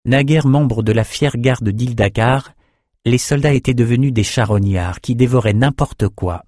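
A man narrating a fantasy novel as an audiobook in a measured, even storytelling manner. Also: on the low side, no room sound, studio quality.

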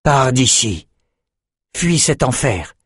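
A man reading an audiobook voices a calm, resolute young male champion swordsman who speaks in a grave, steady way. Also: mid-range voice, slow pace, slightly rough, no echo, studio quality, voice pushed up, heavily acted.

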